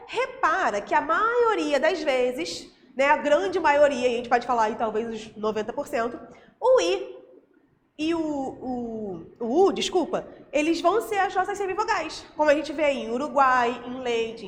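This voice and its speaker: High-voiced Brazilian woman teaching. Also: big-room sound, slight background noise. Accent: Brazilian Portuguese. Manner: explains patiently, checks in with frequent tag questions. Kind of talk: recorded grammar lesson.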